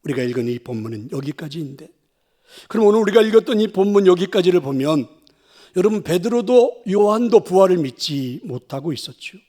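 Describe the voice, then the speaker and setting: A male pastor retelling a scripture story in a sermon, dramatic and often dropping to a hush. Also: high-pitched, lively intonation, a little fast. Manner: dramatic, dropping to hushed whispers.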